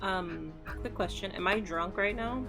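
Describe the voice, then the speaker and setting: Gravelly woman player, slow-talking. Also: medium pitch, over music. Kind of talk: casual tabletop play.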